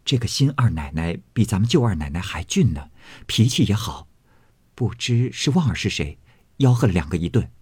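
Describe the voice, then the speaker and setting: A man voicing a gentle, loyal young maidservant who reports quietly and carefully. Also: on the low side, very animated, normal speed, breathy edge, no room sound, heavily acted.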